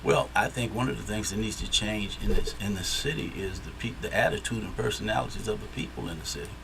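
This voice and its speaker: A man's voice: fairly low pitch, quick pace, vocal fry, a bit bright, a little hiss or hum. A man from Detroit, a guest in a casual interview, who speaks emphatically and repeats phrases for stress. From Detroit, USA.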